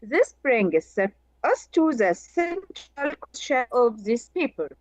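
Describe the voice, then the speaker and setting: A woman from Egypt, presenting over a video call and reading a prepared conference paper slowly and carefully. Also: a little high, big pitch swings, no room sound. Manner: slow, careful, measured delivery. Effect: heard over a video call. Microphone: remote computer mic on a video call. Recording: dull, dry video call audio.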